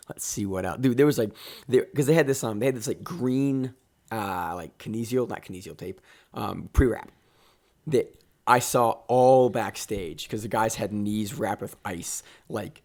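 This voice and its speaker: Male sports podcast co-host, low and hoarse, raspy, voice almost gone, informal delivery. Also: darkish tone. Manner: informal, repeats and rephrases. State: voice nearly gone. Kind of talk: casual sports recap chat.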